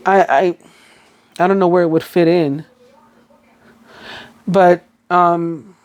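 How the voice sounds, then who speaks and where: A woman's voice: lowish voice, fairly even intonation, slow, darkish tone. A woman with a New York accent giving a casual, rambling tarot reading, full of fillers and restarts. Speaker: tarot reader.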